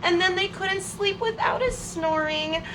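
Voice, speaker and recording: A very high-pitched woman leads storytime, expressively reading a picture book to young children while drawing out her words. She makes friendly asides and speaks to her listeners as friends, with noise in the background.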